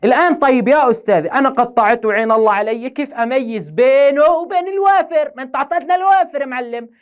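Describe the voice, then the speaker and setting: A man's voice: very high voice, animated, rapid-fire, clear, resonant tone, voice pushed up. A male teacher voicing a cheeky young male student who complains to him in a whiny, teasing way. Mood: pleading.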